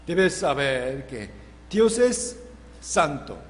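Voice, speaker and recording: Man preaching, slow deliberate delivery, lively rising and falling pitch, long hall reverb, faint hum. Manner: slow, emphatic, asks the audience questions. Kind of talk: Bible seminar sermon.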